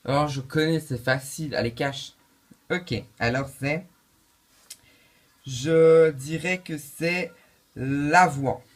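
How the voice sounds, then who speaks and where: Cocky quiz guy, played by the host, tosses off answers fast. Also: mid-range voice, close to an everyday voice. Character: cocky male quiz contestant.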